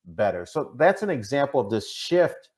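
This interview guest, a middle-aged diversity consultant from Minnesota, has a mid-range, slightly mellow voice with big pitch swings and a moderate pace. His earnest, conversational Midwestern answers often end with "right?" He's recorded in an indoor room over a video call microphone.

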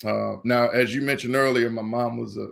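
A man in his fifties from Indianapolis, a former college football player telling stories as an interview guest, in a lively way that acts out the people he quotes. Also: medium pitch, normal speed, vocal fry. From Indianapolis, USA. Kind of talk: casual interview storytelling.

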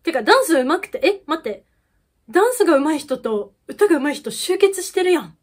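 A young woman chats over a music video in a casual reaction style. Her voice sits fairly high, and she gushes with quick exclamations and bursts of laughter. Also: big pitch swings. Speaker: idol fan YouTuber.

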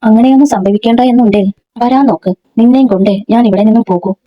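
A woman's voice: a little high, fast, close to an everyday voice. A woman reading the lines of an arrogant young man who sneers at and threatens a female coworker, in a dull lo-fi recording. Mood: threatening.

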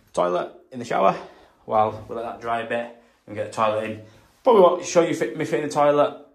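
A man's voice: medium pitch, creaky. British plumber guy rambling to camera in a half-done bathroom, bit out of breath, laughs at himself. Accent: British English. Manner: chatty, rambling, self-deprecating. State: slightly out of breath. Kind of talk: casual work vlog, talking to camera. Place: bathroom being renovated, indoors.

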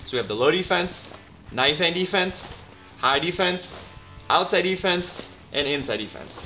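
A man's voice: high-pitched, expressive, normal speed, pushed and bright, soft background music. A man in his thirties, a martial arts instructor, giving step-by-step instructions while demonstrating blocks. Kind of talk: technique demonstration. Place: martial arts studio, indoors.

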